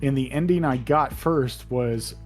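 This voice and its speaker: Young male co-host, rambling casual talker, middle pitch, light music underneath. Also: measured pace. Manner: rambling, retells scenes with put-on voices and laughs. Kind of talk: casual chat.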